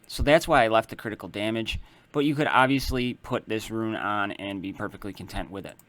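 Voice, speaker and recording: A man casually walking through a mobile game character build, explaining his choices in a relaxed way and often starting lines with "so". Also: on the low side, fairly quick, dry recording. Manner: self-correcting, loose phrasing. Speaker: mobile game guide maker. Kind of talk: casual game strategy walkthrough.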